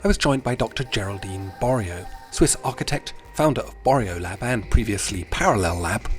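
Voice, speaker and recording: A man's voice: fairly low pitch, animated, fairly quick, soft background music. A man from Britain hosting an interview podcast, asking questions politely and eagerly, with the odd stumble. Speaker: podcast host. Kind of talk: interview conversation.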